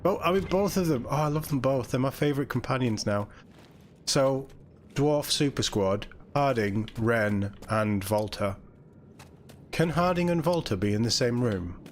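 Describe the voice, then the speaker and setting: A man's voice: mid-range voice, measured pace, a little hiss or hum. Chatty male game streamer. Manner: chatty and excitable, reacting to the game and greeting viewers. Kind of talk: casual live-stream chat.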